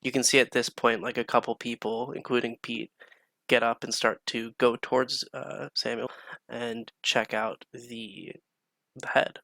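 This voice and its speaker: A man's voice: medium pitch, flat delivery, a little slow, creaky, bright, forceful tone, no room sound. A young man narrating a tabletop game as game master, improvising with hesitations and fillers.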